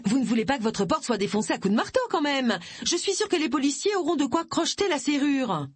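A woman voicing a fussy, fretful vicar's wife with a shrill, high voice. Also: lively intonation, fast talker, no room sound.

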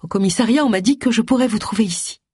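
Woman doing a grieving woman in her forties, audiobook, plaintive, pitched up, husky. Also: quick pace, darkish tone, no room sound, studio quality. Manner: plaintive, tearful. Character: grieving, elegant forty-something woman.

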